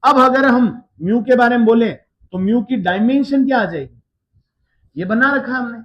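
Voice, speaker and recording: A man teaching a physics lecture, working slowly through the steps and often checking that his students follow. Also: very high-pitched, muffled recording. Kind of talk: classroom lecture.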